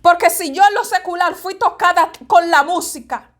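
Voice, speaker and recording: A woman's voice: very high-pitched, normal speed. A woman giving a fervent religious reflection, often repeating herself and speaking straight to the listener. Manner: fervent, repetitive, addresses the listener directly. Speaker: evangelical preacher.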